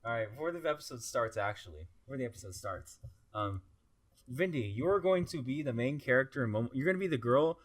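A man's voice: mid-range voice, expressive, fast talker, no room sound. A young man hosts a casual podcast in a dry, close-miked sound. He rambles, teases his friends and restarts his sentences often. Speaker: podcast host.

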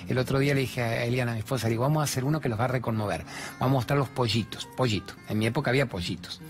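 An older man with a Rioplatense Spanish accent delivers an animated spiritual pep talk, his pitch swinging as he jumps into other people's voices. A faint music bed runs under his voice. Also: racing. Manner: playful, acts out dialogue in raised voices. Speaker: host giving motivational talk.

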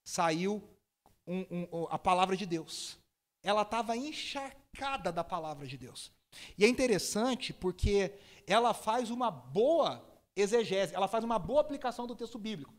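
High-voiced man preaching. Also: normal speed. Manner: lively storytelling, impersonates people with sudden high shouts. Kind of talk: sermon.

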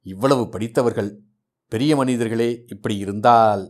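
A man's voice: fairly low pitch, unhurried, close to an everyday voice. A plain-spoken servant cook from a storybook, a little deaf and grumbling about what he half overheard, as a male reader voices him. His voice stays everyday and unadorned.

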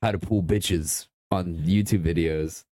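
Low-voiced, crude young podcast host. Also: male voice, steady tone, unhurried, mellow, no echo. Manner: crude, boastful, swears a lot. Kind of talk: casual chat.

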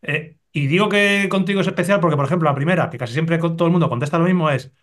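A man from Spain hosting a casual podcast, leading quick-fire questions in a friendly, joking way. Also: on the high side, fairly bright tone. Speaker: podcast host.

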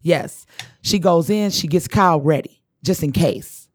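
A woman co-hosting a casual podcast, telling a personal story in a lively way and acting out what people said. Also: lowish voice, a little slow, no room sound, clean studio sound. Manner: animated storyteller who acts out what people said. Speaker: podcast co-host.

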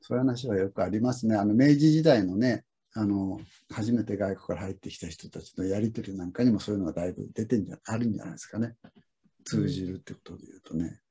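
A man's voice: on the low side, fast, warm tone, slightly rough. A middle-aged man hosting a talk on lessons, telling stories in a reflective, rambling way with many fillers. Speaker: lesson host. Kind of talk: casual conversation.

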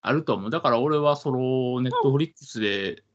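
A man's voice: medium pitch, lively intonation, moderate pace. A man with a Kansai accent co-hosting a casual podcast chat, easygoing and often searching for words. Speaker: podcast co-host. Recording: dull lo-fi podcast audio.

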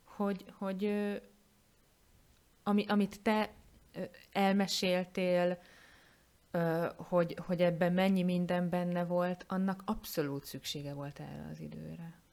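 A woman hosting a podcast, speaking softly and hesitantly in a supportive way. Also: on the low side, level tone, creaky. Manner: soft-spoken and hesitant, supportive. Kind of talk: podcast conversation.

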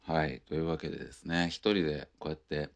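A man's voice: extremely low pitch, steady tone, fast talker, soft background music. A young man in his twenties hosting a solo podcast, telling a rambling, laid-back story with lots of fillers. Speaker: podcast host. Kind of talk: casual solo chat.

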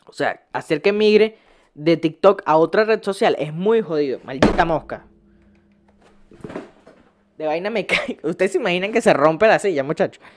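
A man's voice: on the high side, animated, normal speed, pauses often. A young man with a Venezuelan accent, ranting casually as a vlogger, swearing a lot, laughing often and stumbling over his words. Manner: profane, rambling, laughs often, restarts words. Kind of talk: casual rant.

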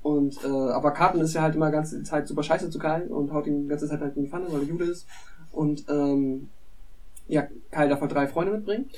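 A man in casual podcast chat, rambling through an animated retelling of a cartoon episode. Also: on the high side, brisk, far from the mic.

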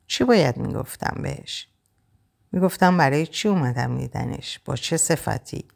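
Very low gravelly woman narrating. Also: lively intonation. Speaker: audiobook narrator. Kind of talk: first-person novel narration.

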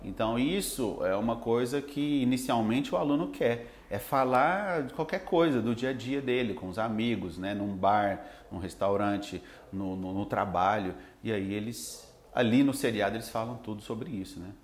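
A Brazilian man who teaches English, talking in a relaxed, rambling way with lots of fillers. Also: lowish voice, moderate pace, hardly any pauses, reverberant. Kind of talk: casual podcast chat.

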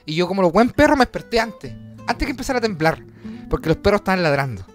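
Fast-talking Chilean man telling a story. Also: sits high, big pitch swings. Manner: rambling, slang-heavy, swearing, acts out voices. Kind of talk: casual storytelling chat. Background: guitar music.

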